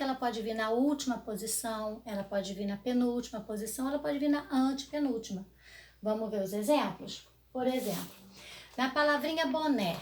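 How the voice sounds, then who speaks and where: A young Brazilian woman teaching an online grammar lesson to children, drawing words out slowly and checking in with "né?" and "tá?". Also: fairly high pitch. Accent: Brazilian Portuguese. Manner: slow, stretched words for emphasis, frequent "né?" and "tá?". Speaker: primary school teacher.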